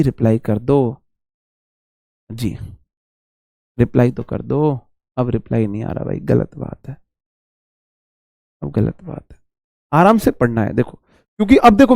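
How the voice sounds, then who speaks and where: A man's voice: mid-range voice, creaky, dark tone, no room sound, studio quality. A young man teaching grammar in a live online class, chatty and teasing, mixing Hindi and as he reads student questions aloud.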